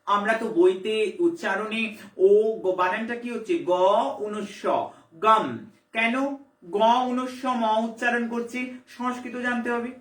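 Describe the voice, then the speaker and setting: A woman's voice: on the high side, flat delivery, moderate pace, roomy sound, distant mic. A woman spiritual teacher, giving a devotional lesson emphatically, repeating herself and firing rhetorical questions.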